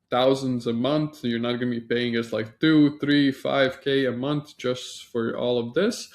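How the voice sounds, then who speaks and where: A man from Latvia with a slight Latvian accent, giving a casual sales pitch as an agency founder, talking loosely with fillers and restarts. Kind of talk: sales pitch walking through slides.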